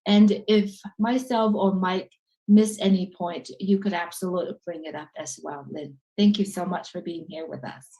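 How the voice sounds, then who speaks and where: A businesswoman co-hosting a webinar over a video call, speaking as a with an emphatic sales pitch. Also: fairly even intonation, moderate pace, dark tone, poor audio. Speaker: webinar co-host.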